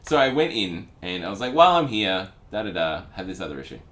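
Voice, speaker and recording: A man's voice: sits low, big pitch swings, fast talker, a bit bright. A man co-hosting a podcast, rambling and laughing through a casual anecdote. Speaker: podcast co-host. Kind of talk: casual chat.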